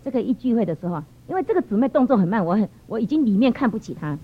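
A woman giving a lively church testimony, telling stories with animated expression. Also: a little high, rapid-fire, husky. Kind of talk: storytelling testimony. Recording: dull lo-fi sound.

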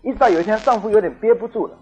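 A man preaching a sermon, telling a story in an animated way and acting out the dialogue. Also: high voice, very fast, rough recording. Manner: animated, acts out dialogue, laughs at own story.

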